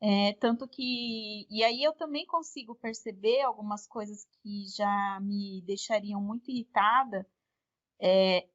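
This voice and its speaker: A Brazilian woman co-hosting a podcast, telling an everyday anecdote in a relaxed, casual way. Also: medium pitch, unhurried, lo-fi sound. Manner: relaxed anecdotal storytelling, trailing "né". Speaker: podcast co-host. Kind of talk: casual storytelling chat.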